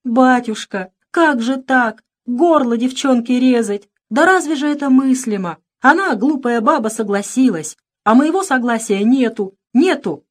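A woman's voice: fairly high pitch, animated, a little slow, few pauses, pitched above the performer's own voice. A woman reading an audiobook voices a stubborn old village grandmother who whines and nags in a raised, strained voice. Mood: whining protest. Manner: whining, nagging.

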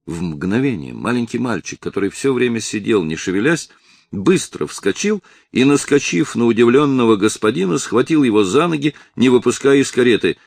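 Male audiobook narrator, gravelly, expressive, dry close mic. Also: medium pitch, normal speed, dry recording. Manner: expressive storytelling. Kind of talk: scripted narration.

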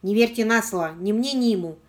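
A woman's voice: on the high side, fast talker, darkish tone, lightly acted. A woman doing an urgent, heated young man. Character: determined young man, wrongly accused.

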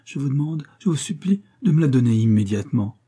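A man's voice: mid-range voice, big pitch swings, a little fast, warm tone, slightly rough. A man reading aloud, voicing a wheedling, insistent middle-aged matron who begs for money. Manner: pleading, insistent, dramatic.

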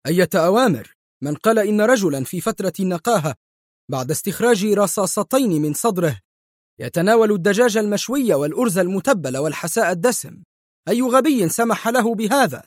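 Guy reading as an outraged doctor, high-pitched and sharp, barking at everyone. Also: big pitch swings, normal speed, slightly rough, no echo, studio quality. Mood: furious. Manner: indignant, sharp outbursts. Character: angry shouting male hospital doctor.

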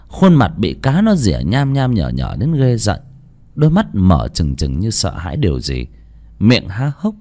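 A man's voice: fairly low pitch, a little mellow. A man narrating a folk horror story in a dramatic storytelling style. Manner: dramatic, swooping delivery.

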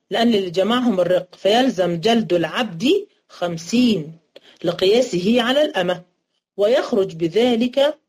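Egyptian-accented female teacher, mid-pitched, patient step-by-step explainer who asks and answers her own questions. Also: a little mellow. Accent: Egyptian Arabic. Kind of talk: interactive religious studies lesson. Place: online class recording.

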